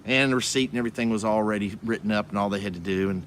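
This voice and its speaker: A man's voice: fairly low pitch, racing, a bit bright, a little hiss or hum. A man telling a rambling story in a casual, folksy way, swearing now and then. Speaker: vlogger.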